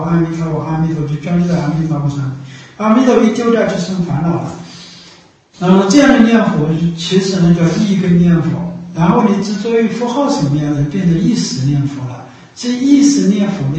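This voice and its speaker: A man giving an unhurried Buddhist dharma talk, repeating himself and pausing on drawn-out fillers. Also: high voice, darkish tone. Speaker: Buddhist teacher. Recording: echoey room, voice from far off.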